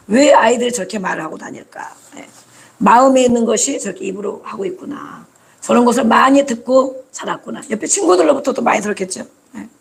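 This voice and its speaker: A man's voice: extremely high pitch, creaky. A male preacher giving a conversational sermon, chatty and acting out prayers and scolding as he goes.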